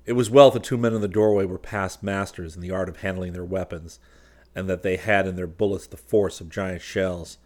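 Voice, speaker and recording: A man narrating a science-fiction audiobook in a steady, measured reading. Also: deep voice.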